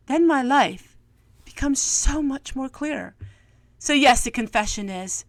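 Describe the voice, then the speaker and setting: Speaking in a slightly high voice with no echo, an American woman vlogger reflects personally to her audience. Her tone is earnest and a bit preachy in a gentle way, and she frequently poses rhetorical questions.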